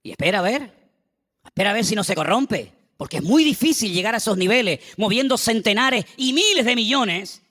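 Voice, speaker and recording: A man preaching from a church pulpit, his voice pitched high for a man and swinging through lively, dramatic turns. He breaks into the voices of biblical figures and jokes with his listeners. His words ring with the long reverb of a church hall. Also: fairly quick. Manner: animated preaching, acting out biblical voices, asides to congregation. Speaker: pastor. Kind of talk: sermon.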